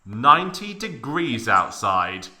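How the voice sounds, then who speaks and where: Speaking slowly in a medium-pitched voice, a man hosts a mock-dramatic story reading. He narrates in a theatrical, animated style and keeps breaking off for joking asides, all in an echoey room.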